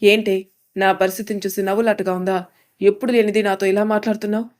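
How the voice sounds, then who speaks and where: A woman's voice: mid-range voice, level tone, fast, a little mellow, natural voice. A woman voicing an angry, bitter young man who snaps resentfully. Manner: snapping, resentful.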